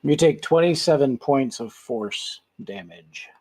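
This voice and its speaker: A man running a tabletop game as game master, thinking aloud in an unhurried way with pauses. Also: medium pitch, animated, darkish tone, no echo.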